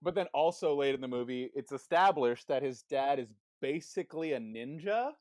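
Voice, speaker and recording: A man co-hosting a podcast in casual chat, excitedly acting out scenes with sound effects. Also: medium pitch, normal speed, dry recording, clean studio sound. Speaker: podcast co-host.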